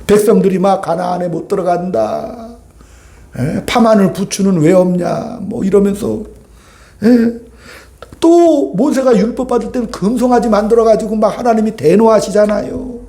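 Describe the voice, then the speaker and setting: A male pastor preaching a Sunday sermon in an animated, conversational way, often calling out for amens from the congregation. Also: high-pitched, moderate pace, creaky.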